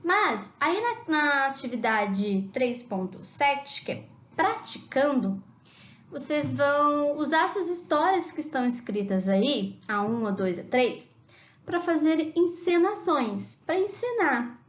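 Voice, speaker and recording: A high-voiced woman teacher with a Brazilian Portuguese accent speaks slowly and patiently to small children, sounding out each syllable. The recording is dull and lo-fi, in a room with a lot of echo. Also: big pitch swings. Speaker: primary school teacher. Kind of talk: remote class explanation to young children.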